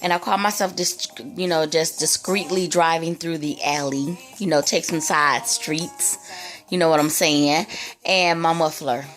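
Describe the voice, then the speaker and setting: A woman's voice: low-pitched, fairly even intonation, a little slow, a bit bright, faint music behind. A young woman casually retelling a personal story for her vlog, rambling and padding her sentences with "like" and "you know.". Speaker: vlogger telling a personal story.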